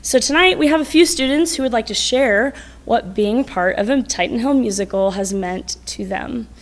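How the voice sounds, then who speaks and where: A woman's voice: on the high side, moderate pace. Woman teacher presenting at a board meeting. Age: adult. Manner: encouraging, prompts children with questions. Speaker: school music teacher presenting students.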